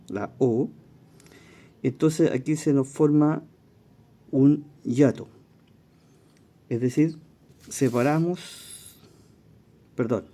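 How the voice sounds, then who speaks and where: A man teaches in a very dark, mellow tone. He reads exam questions and talks through each answer. He thinks aloud and corrects his own slips. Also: medium pitch. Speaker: language teacher. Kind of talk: exam walkthrough lesson.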